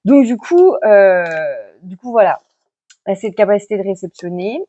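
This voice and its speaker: A woman's voice: mid-range voice, expressive, a little slow, mellow, dry recording, dull audio. A woman reading tarot cards for weekly guidance in a casual, chatty way, with many fillers and self-corrections. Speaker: tarot card reader giving weekly guidance. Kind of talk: casual spoken vlog.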